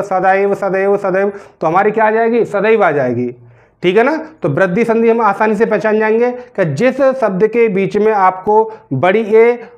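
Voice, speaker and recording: High-voiced teacher explaining grammar. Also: male voice. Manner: repeats questions to the class, drags out words while writing. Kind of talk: classroom grammar lesson.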